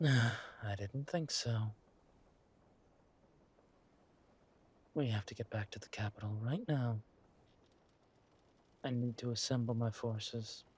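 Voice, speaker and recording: In an audio drama, a man plays a suave, ruthless villain lord, mock-polite and menacing. His husky, mid-range voice draws out each line in a brooding mood.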